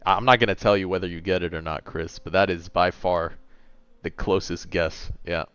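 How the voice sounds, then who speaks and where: Deep-voiced laid-back young man streaming. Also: steady tone, moderate pace, fairly bright tone, clean tone, muffled recording. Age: late 20s. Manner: laid-back, rambling, answers chat. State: tired. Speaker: gaming livestreamer. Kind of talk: casual livestream chat.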